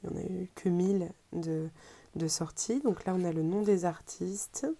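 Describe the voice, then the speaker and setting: A woman with a French accent gives a relaxed unboxing presentation. Her voice is slightly low and very mellow. She speaks hesitantly, often pausing to search for the right word. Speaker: tarot deck reviewer.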